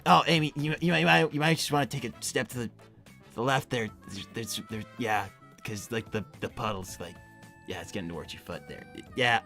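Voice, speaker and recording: A man's voice: medium pitch, a little fast, creaky, pushed and bright, faint music behind. A man voicing an anxious, well-meaning young hedgehog hero in improvised livestream roleplay, hesitant and stammering as he rambles reassurances. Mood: nervous reassurance. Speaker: livestream performer answering donor messages.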